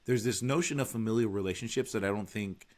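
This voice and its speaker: Man, podcast co-host, very low pitch; calm, reflective conversational read. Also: fast. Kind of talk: casual conversation.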